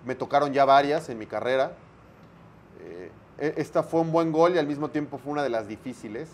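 A Mexican man, a sports broadcaster, telling lively anecdotes in a casual interview, full of slang and acted-out dialogue. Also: mid-range voice, fairly quick, a little hiss or hum.

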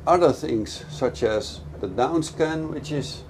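A man's voice: fairly high pitch, expressive, slow pace. A middle-aged man, a boat dealer, gives an enthusiastic, explanatory walkthrough of a boat aboard a moving motorboat. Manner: enthusiastic, explanatory, speaks over engine noise. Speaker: boat dealer giving a product review. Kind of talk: casual product walkthrough. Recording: loud engine and wind noise. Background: boat engine and water noise.

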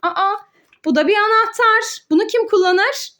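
Her voice is extremely high, bright and forceful, moving at a normal speed. As a mother running a children's learning game on video, she exclaims in a sing-song way, posing questions and then answering them for the kids.

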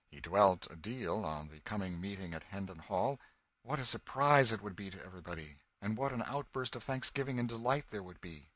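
Low, bright-toned male audiobook narrator. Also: no echo.

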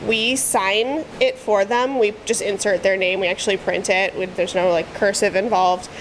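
A woman's voice: mid-range voice, steady tone, moderate pace, slight background noise. A woman in her thirties who coordinates a food pantry, explaining the weekly routine in a casual, practical way with frequent ums. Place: outdoors beside a brick church, later inside a pantry room. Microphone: handheld lapel mic held up to the mouth.

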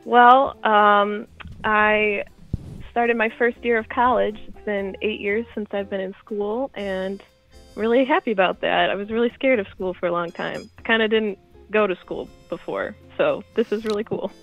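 A woman in her twenties phones in to a show, nervous and giggly, with a soft-spoken, gravelly voice. The call audio sounds dull and lo-fi, with faint music behind her. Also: mid-range voice, moderate pace. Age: 20s. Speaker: caller. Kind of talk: phone-in conversation.

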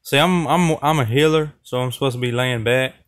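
A man's voice: mid-range voice, a little fast. A young man commentating his own gameplay in a casual, trash-talking way, with a playful, chatty delivery to viewers. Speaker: gaming channel host.

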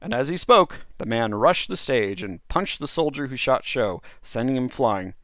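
A man's voice: mid-range voice, big pitch swings, normal speed, a bit bright, dry recording, clean studio sound. A man narrating a dubbed storybook play as host, with playful, chuckling asides.

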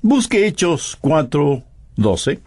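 A man's voice: a little high, very animated, takes it slowly, darkish tone, breathy edge. A man preaching a sermon in a voice-over, emphatic and full of pointed rhetorical questions.

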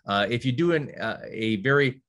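A man with a medium-pitched, slightly bright voice speaks at normal speed over a video call. Representing a college, he gives a conversational virtual presentation to counselors, full of fillers and restarts, with the odd dry, sarcastic aside.

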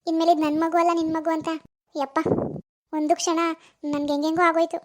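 A woman's voice: extremely high pitch, level tone, fast, slight background noise. Woman voicing a doting young cartoon mother. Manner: fussy, chatty, coos softly to the baby. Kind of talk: animated cartoon voice acting.

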